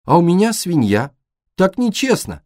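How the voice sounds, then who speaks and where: A man's voice: mid-range voice, animated, normal speed, a little mellow, husky, no echo, clean studio sound. A man voicing a greedy, eager young boy in an audiobook.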